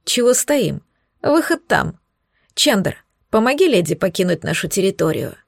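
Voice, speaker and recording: A protective young man in a storybook reading, voiced by a woman in her own voice. He is curt and a little gruff. The sound is dry and close. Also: medium pitch, big pitch swings, a little slow, no echo, exaggerated voice.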